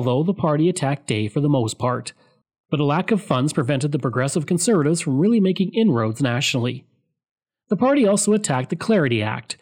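Man narrating political history, higher voice. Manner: steady, explanatory delivery. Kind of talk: scripted narration.

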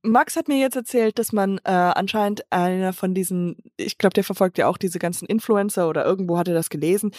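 A woman co-hosting a podcast who laughs easily and chats along casually, dropping in English phrases. Her voice sits at an ordinary middle pitch. The recording is close and dry. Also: a little fast, hardly any pauses, a little mellow, no echo. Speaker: podcast co-host. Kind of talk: casual chat.

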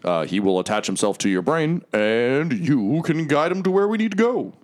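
A man voicing a gruff, annoyed male merchant boss who barks brisk orders. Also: medium pitch, big pitch swings, pitched above the performer's own voice, natural voice. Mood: irritated. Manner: brisk, irritated, barking orders.

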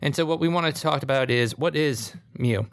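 A man's voice: medium pitch, brisk. An upbeat man hosts a podcast interview from a remote call. He sounds enthusiastic and strings his thoughts together with "and so". The sound is dry, with little room echo. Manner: upbeat, enthusiastic, many fillers like "and so". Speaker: podcast host. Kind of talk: casual interview hosting.

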